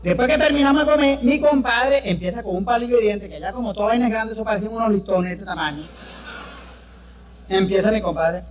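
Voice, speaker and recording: High-voiced brash Venezuelan comedian. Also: male voice, fast. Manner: brash, crude, chatty storytelling with the crowd. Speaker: stand-up comedian. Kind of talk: live stand-up comedy. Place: stage before a live audience. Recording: live show with crowd noise.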